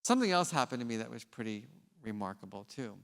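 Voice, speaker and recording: Male keynote speaker, mid pitch, animated and casual, recorded in a theater with long reverb. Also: fast talker, creaky. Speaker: scientist. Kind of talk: conference keynote with storytelling. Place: large theater stage.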